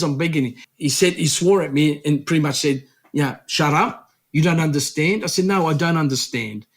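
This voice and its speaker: Animated man telling a story. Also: a little high. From Australia. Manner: animated, rambling with restarts. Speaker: interview guest. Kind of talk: storytelling in a radio interview.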